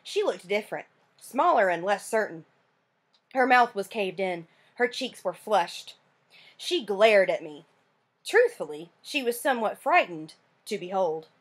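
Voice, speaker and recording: A woman reading a children's novel aloud to her students, narrating in an expressive, animated way. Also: medium pitch, measured pace, husky. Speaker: teacher reading a book aloud. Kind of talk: read-aloud storytelling.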